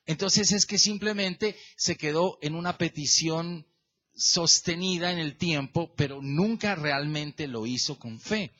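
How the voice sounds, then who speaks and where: Here the pastor's voice sits a little high and keeps a measured pace over dull audio. Animated as ever, he unpacks the verse phrase by phrase while questioning listeners and calling on them by name.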